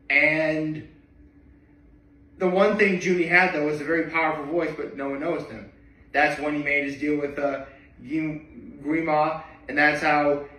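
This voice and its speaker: Chatty man, bright voice, echoey distant room. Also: fairly high pitch. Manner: rambling, filler-heavy, enthusiastic. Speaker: vlogger. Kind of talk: casual movie chat.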